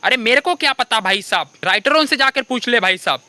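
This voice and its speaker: A young man with an Indian accent riffs through a comic rant in a high, very bright voice. His delivery is animated, and he keeps dropping the same catchphrase address. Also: fairly quick. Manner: animated, keeps repeating "bhai sahab". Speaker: comedy creator.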